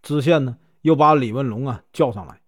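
A man with a Northeastern Chinese accent telling a traditional story in a chatty, lively way. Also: medium pitch, fairly quick, husky. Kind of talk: storytelling narration.

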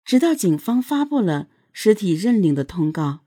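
Woman narrating true crime, lively swooping intonation. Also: medium pitch, normal speed, slightly rough, no room sound, clean studio sound.

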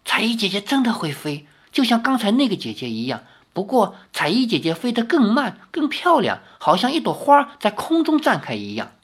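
A small boy with a bright, childish voice, sobbing and pleading in turns, as a woman reading a story puts him on. His words jump up and down in pitch, eager and a little scared, like a child sharing a secret in a storybook. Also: sing-song, moderate pace. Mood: eager, secretive. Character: timid tearful little boy, easily scared.

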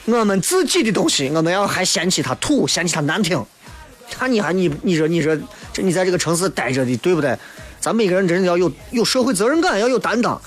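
High-pitched, fast-talking Shaanxi-accented male radio host. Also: big pitch swings, faint music behind. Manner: colloquial, opinionated, emphatic. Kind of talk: casual radio chat, reading listener messages.

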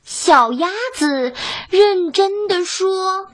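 A woman narrating a children's story in a slow, expressive, sing-song way. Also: very high voice.

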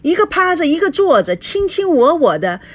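A woman voicing a furious, betrayed young wife who talks in a shrill, cutting, accusing way, reading a storybook. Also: very animated, moderate pace, husky, full character voice.

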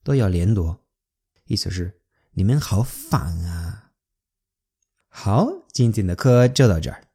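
A man with a Spanish accent teaches a language lesson at an unhurried pace. His pitch swings widely as he repeats words slowly and stretches the sounds out for his listeners. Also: animated, warm tone, breathy edge. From Spain. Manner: slow, drawn-out pronunciation demos.

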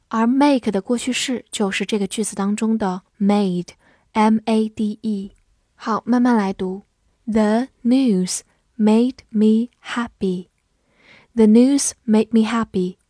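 A woman teaching English vocabulary, spelling out words letter by letter and reading example sentences slowly. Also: medium pitch, warm tone, dry recording, studio quality. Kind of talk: vocabulary lesson.

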